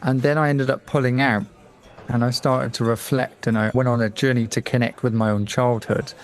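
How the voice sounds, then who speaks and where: A middle-aged man from England, a guest on a radio talk show, telling a personal story in a lively way and acting out the voices of people he quotes. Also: mid-range voice, moderate pace.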